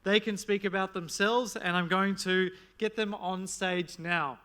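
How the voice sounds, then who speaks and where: A man with a high-pitched, bright, smooth voice addresses a festival audience from the stage. He is enthusiastic and upbeat, and he gets the crowd to call back before he introduces the youth speakers. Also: steady tone, measured pace. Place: large hall at a festival, on stage.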